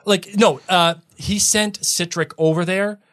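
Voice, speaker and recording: A man's voice: sits high, fairly even intonation, unhurried, fairly bright tone, no room sound, studio quality. A man co-hosting a casual podcast chat, giving his opinions emphatically. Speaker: podcast co-host.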